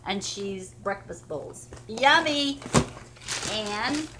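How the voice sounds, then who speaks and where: Speaking at a medium pitch, the older vlogger draws out her words animatedly while unloading her shopping at home. She wanders from topic to topic, coos at her dogs, and moves between the porch and a carpeted room in this casual haul video, which is very noisy.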